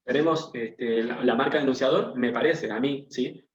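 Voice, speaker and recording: A man's voice: mid-range voice, normal speed. A man teaching an online class, explaining step by step and often checking in with the students. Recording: echoey, dull lo-fi video-call audio.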